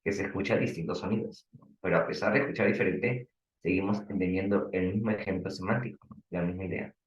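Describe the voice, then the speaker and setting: Speaking fast in a low voice, a Peruvian man teaches an online language class in his Peruvian Spanish accent, quizzing students and illustrating points with examples. The sound is roomy and lacks high frequencies.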